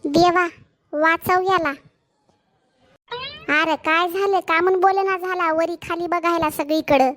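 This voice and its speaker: Woman doing a high squeaky cartoon schoolboy, teasing his buddy nonstop. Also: steady tone, fairly bright tone. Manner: teasing, nosy, fast banter. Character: cheeky teasing schoolboy, gossipy friend. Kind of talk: cartoon voice acting.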